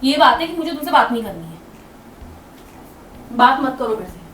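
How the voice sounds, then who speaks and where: A woman's voice: high voice, big pitch swings, normal speed, a bit bright, reverberant, soft background music. A woman hosting a home video and bickering with her husband, snappy and defiant, firing back repeated retorts. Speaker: channel host, wife in a staged prank. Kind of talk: casual domestic argument.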